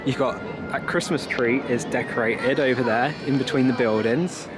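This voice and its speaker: A young British travel vlogger with a medium-pitched voice and moderate pace films a casual walk-around outdoors in a busy theme park, camera held at arm's length. His commentary is chatty and loosely improvised, with music in the background plus crowd chatter and heavy ambient noise.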